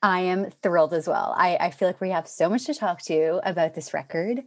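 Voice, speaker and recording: A woman's voice: lowish voice, fairly quick. A woman joining a casual music podcast over a video call, giggly and enthusiastic. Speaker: podcast guest. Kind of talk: casual chat over drinks.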